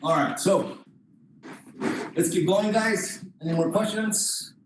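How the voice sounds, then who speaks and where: A man's voice: high voice, takes it slowly. A man teaching a jiu-jitsu class, explaining moves step by step in an informal way as he demonstrates. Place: indoor training room. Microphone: distant camera microphone. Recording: distant mic, very echoey room, faint noise.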